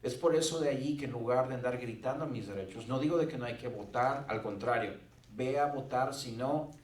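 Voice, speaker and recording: A man's voice: medium pitch, fairly quick. A man preaches a Sunday sermon in an easy, conversational way. He throws in joking asides. His voice sits in the middle range and sounds distant and roomy, caught from across a church hall. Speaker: pastor. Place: church sanctuary.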